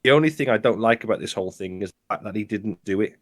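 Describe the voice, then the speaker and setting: A man, a wrestler co-hosting a podcast, ranting in a heated, sweary, animated way in casual chat. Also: on the low side, very fast.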